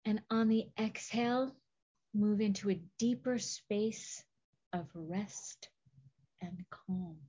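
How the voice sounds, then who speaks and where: A woman host leading a guided meditation in a soft, soothing, breathy manner with long pauses. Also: medium pitch. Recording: dull, lo-fi audio.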